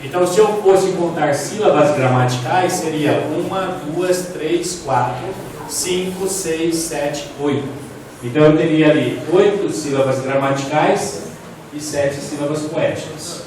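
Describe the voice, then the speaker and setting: A man's voice: fairly high pitch, unhurried. A man giving a poetry lecture from slides, explaining step by step and asking the audience questions. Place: large echoey hall. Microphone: distant from the mic. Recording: echoey hall, distant mic, faint room noise.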